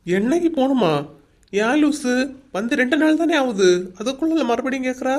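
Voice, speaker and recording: A woman's voice: sits high, animated, normal speed, a little mellow. A woman with a Kanyakumari Tamil accent voicing a teasing young husband in a cartoon story. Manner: teasing, dismissive.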